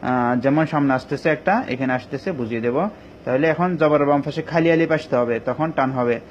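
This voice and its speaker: A male teacher giving an online Quran recitation lesson, explaining each rule patiently and step by step with many pauses. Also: mid-range voice. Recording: dull lo-fi recording with faint ambient noise.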